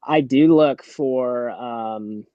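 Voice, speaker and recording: A man's voice: mid-range voice, very slow, no echo, phone-quality sound. Dry-voiced man explaining referee rules. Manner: explains rules at length, steady and matter-of-fact. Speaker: wrestling referee. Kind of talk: casual podcast interview.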